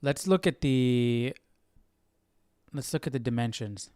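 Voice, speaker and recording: Speaking slowly yet animatedly, the young host of a casual Bible study livestream has a mid-range voice with a darkish, clear, resonant tone and no echo. He thinks out loud and repeats phrases, using a close handheld or desk microphone along with headphones.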